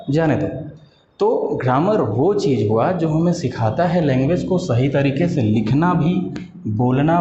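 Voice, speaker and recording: A man teaches a lesson in a patient, explanatory way, pausing on rhetorical questions and drawing out key terms. His voice sits a little high yet sounds mellow and warm. The recording is dull and lo-fi, with a roomy echo. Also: slight background noise. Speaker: English teacher. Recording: echoey room, dull lo-fi sound.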